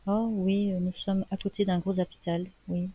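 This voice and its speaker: A woman's voice: mid-range voice, level tone, normal speed, husky, narrow, tinny audio, natural voice. A woman doing a dodgy old fake doctor. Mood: evasive. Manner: hesitant, hemming, dodging questions. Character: old man, fake clinic director, evasive.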